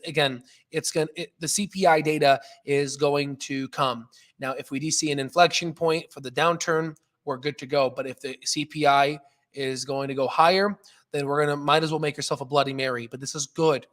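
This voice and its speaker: His pitch sits fairly high. He's a man running a live stock trading stream, chatting in a loose, emphatic, jokey, excitable way while commenting and replying to chat.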